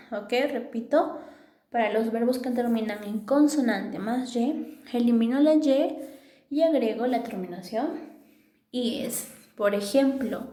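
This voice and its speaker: Slow, patient woman teacher, echoey room. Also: fairly high pitch, mellow. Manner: patient, repeats rules, checks understanding with "¿verdad?". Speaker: English teacher. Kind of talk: classroom grammar explanation.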